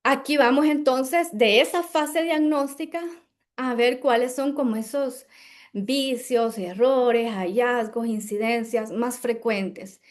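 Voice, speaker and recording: Higher-voiced female diction instructor; emphatic, careful teaching delivery. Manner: emphatic, demonstrates words slowly and carefully. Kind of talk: teaching a workshop on pronunciation.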